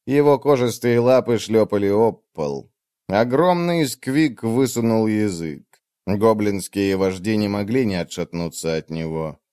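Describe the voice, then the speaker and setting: A man narrating a story as a scripted audiobook. His voice sits fairly low and mellow. The sound is dry and close, and his reading stays steady and even. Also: a little slow, clean tone, no echo.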